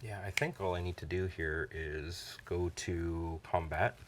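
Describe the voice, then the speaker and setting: Low-voiced man narrating his card plays. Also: fairly even intonation, a little hiss or hum. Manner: halting, many fillers and restarts. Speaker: card game player. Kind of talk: casual play-by-play of his own turns.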